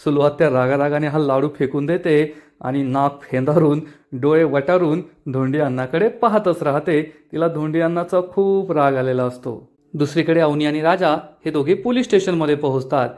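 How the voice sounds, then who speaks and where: Male recap narrator, slightly high voice, steady scripted storytelling. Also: moderate pace. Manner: steady storytelling, then quoting characters. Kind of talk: scripted episode retelling.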